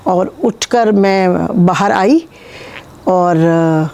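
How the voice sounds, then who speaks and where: A woman from Pakistan, a spiritual healer, calmly recounting her own experiences in an interview with measured pauses. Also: lowish voice, smooth. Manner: calm, measured storytelling with frequent pauses.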